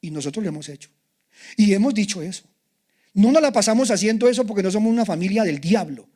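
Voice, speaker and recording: A man's voice: high voice, lively intonation, fast talker, warm tone. An older man, a pastor, preaching a sermon in an emphatic, confessional way.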